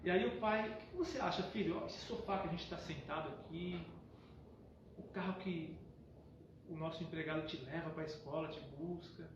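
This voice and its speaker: A man giving a spiritist lecture, telling a story and acting out the dialogue between a calm father and a pleading son. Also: fairly high pitch, normal speed. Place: spiritist center hall. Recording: echoey hall, distant lo-fi mic, faint hiss.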